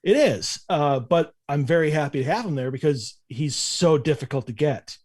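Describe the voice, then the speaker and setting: A man talking as a podcast guest in a relaxed way, with many fillers and halting starts. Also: on the high side, slightly rough, dry recording, studio quality. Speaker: convention director, guest. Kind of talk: casual chat.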